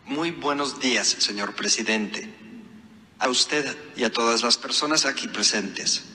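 A man's voice: medium pitch, a little slow, pushed and bright, husky, in a large hall. A synthesized man's voice, like an old text-to-speech program, delivering a prepared formal speech with an artificial, machine-like delivery.

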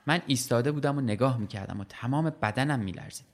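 Guy reading a short story out loud, plain even telling, mid pitch. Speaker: story reader.

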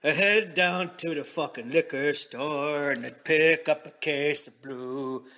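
A man's voice: on the high side, slow, pushed and bright, full character voice. A man putting on a slurred, drunk voice to sing a mocking song in an online clip.

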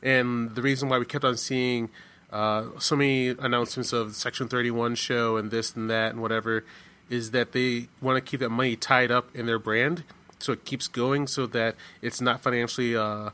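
Man panelist, bright forceful tone, explains and insists. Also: medium pitch, level tone, normal speed, clean tone. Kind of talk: casual group chat.

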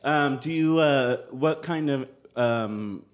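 A man co-hosting a casual comedy chat, halting as he searches for words. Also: mid-range voice. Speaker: podcast co-host.

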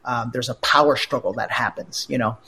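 A man, a life coach, talking through personal stories in an animated, conversational way during an interview, often repeating words as he goes. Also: medium pitch, fairly quick, gravelly, husky. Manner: animated, repeats words while telling anecdotes.

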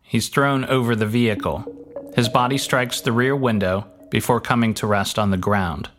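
Man, podcast host, scripted narration, dry and wry, mid-range pitch, faint music underneath. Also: normal speed, a bit bright. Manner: dry, wry delivery with casual swearing.

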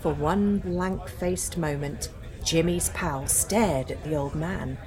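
A woman narrates a ghost story in a low, unhurried voice. She draws out each line with measured drama, a fireside storyteller setting a spooky scene for listeners. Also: music in the background. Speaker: podcast co-host and storyteller.

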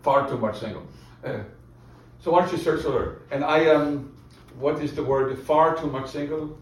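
A man's voice: on the high side, moderate pace. A man coaching a stand-up student, explaining and joking along encouragingly. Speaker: comedy teacher. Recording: echoey room from far off.

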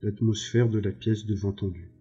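A man reads a novel in calm, even narration. His voice is dark and low with little rise and fall. The audio is a bit dull, with faint music underneath. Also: moderate pace, breathy edge. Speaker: audiobook reader. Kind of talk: scripted narration.

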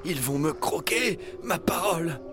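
A man's voice: on the high side, lively intonation, measured pace. A man playing a humble, fearful woodcutter in a children's storybook recording. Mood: alarmed. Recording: music playing underneath.

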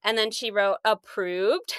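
A woman's voice: mid-range voice, slow pace, fairly bright tone, clean tone, no echo. A young woman co-hosting a podcast, telling school stories in a chatty way and often laughing as she talks. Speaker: podcast co-host. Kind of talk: casual chat, storytelling.

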